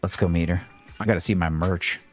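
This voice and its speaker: A man's voice: sits low, steady tone, fairly quick. A man streaming a video game, giving casual, joking commentary and swearing freely. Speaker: gaming livestreamer. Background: faint game music.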